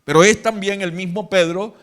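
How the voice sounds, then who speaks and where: A man with a Venezuelan accent preaching a lively sermon live in church, acting out the Bible scenes in different voices. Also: sits high, normal speed. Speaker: pastor. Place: church hall.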